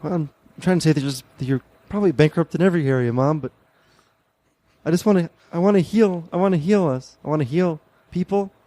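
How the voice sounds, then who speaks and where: A man rambling earnestly through an improvised comedy scene, restarting his sentences. His voice is fairly high but mellow, recorded dry and close. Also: quick pace, no echo.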